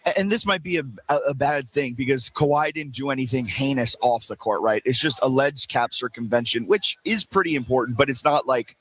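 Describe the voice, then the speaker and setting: A man hosting a sports talk radio show, chatting casually in a playful, animated way, with quick asides and jokes. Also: mid-range voice, rough recording. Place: radio show booth at a live event.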